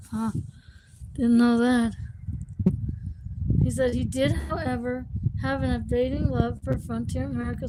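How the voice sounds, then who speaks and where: A woman's voice: high-pitched, heavy background noise. A woman casually reading ghost stories aloud to her viewers, stumbling and restarting, with chuckles and chatty asides. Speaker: host reading ghost stories to a live stream chat.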